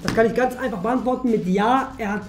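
Seated at a table in a furnished room, a young YouTube host trades playful, teasing banter while answering viewer questions. He speaks a little fast in a very high voice, and the audio carries a roomy echo with music beneath it.

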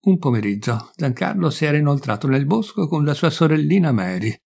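A man narrating a short story in a measured, deliberate reading voice. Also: a little high, big pitch swings, vocal fry, darkish tone, husky. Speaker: audiobook reader.

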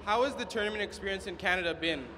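Male interviewer, high voice, off camera, reverberant arena, clear background noise. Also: very fast. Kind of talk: post-game interview questions. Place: indoor arena.

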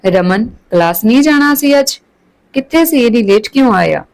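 A woman's voice: on the high side, lively intonation, moderate pace, low-quality recording. A woman voicing a blunt young man who teases and questions his friend. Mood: brusque.

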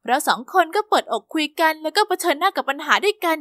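A woman giving lively, expressive first-person scripted narration for an animated story. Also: sits high, fast talker, no echo.

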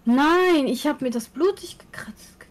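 Woman, mid pitch, playful teasing banter, fussing over her looks. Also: fairly even intonation, normal speed, a little mellow, poor audio. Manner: teasing, self-critical. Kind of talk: casual chat.

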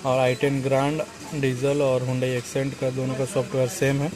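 A crowd can be heard behind a young car mechanic who speaks in a monotone, mid-range voice at normal speed. Filmed close on a phone, he explains an engine repair step by step, inside the car and at the open engine bay outdoors.

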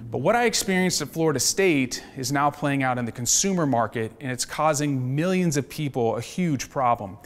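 A man who founded a startup gives an energetic, upbeat business pitch to a panel of investors. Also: moderate pace, hardly any pauses, long reverb tail. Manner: energetic, upbeat salesman's delivery.

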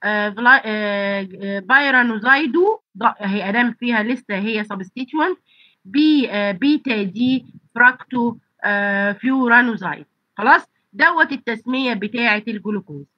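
An expressive, fairly quick, higher-pitched woman's voice carries an Egyptian Arabic accent as she lectures online for a pharmacy college despite a blocked nose and throat. She throws rhetorical questions at students and answers them. The lo-fi sound, with no room tone, comes through a computer mic on a video call.

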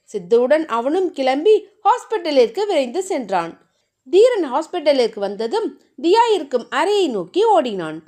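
High, animated woman narrating a novel. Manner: steady storytelling.

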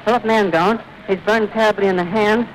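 A male radio reporter giving vivid, urgent live commentary outdoors at an airfield, pausing to catch his breath. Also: high voice, steady tone, poor audio. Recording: old 1930s archive radio recording with hiss.

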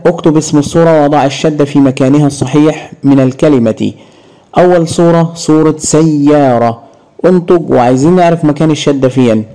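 A man with an Egyptian Arabic accent teaching a grammar lesson, slowly stretching out syllables to demonstrate sounds. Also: fairly high pitch, warm tone, rough recording.

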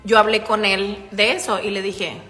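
A woman's voice: medium pitch, steady tone, normal speed, bright, forceful tone, long reverb tail, soft background music. A woman with a Mexican accent telling a gossip story on her live stream, with a profane, slangy manner, addressing her viewers as girls. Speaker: livestreamer and online shop owner. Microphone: phone.

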